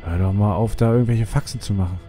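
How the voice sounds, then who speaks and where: A man's voice: lowish voice, fairly even intonation, quick pace, mellow, soft background music. A young man commenting on a survival game, whispering when he sneaks and yelping when startled. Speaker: let's player. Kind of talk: gaming commentary.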